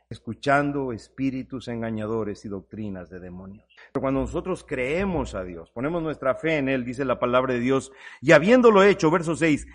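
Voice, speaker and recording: A man preaching a sermon, swinging between loud urgent peaks and low hushed lines, acting out quoted voices as he goes.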